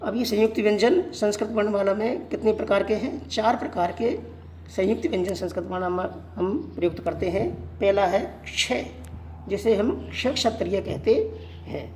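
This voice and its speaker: A teacher giving a Sanskrit grammar lesson, asking questions and answering them, repeating points slowly. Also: mid-range voice, a little mellow, a little hiss or hum. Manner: poses questions and answers them, slow and repetitive. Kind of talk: classroom-style grammar lesson.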